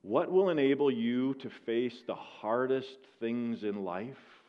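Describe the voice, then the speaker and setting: A man preaching a sermon, telling a story that swells loud and then drops to slow, hushed lines. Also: mid-range voice, highs cut off.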